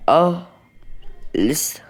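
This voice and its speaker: A shy, humble young woman answers in a low, quiet, subdued voice, as a woman reader puts her on. Egyptian accent, storybook reading. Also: sing-song, slow pace, husky, heavily acted.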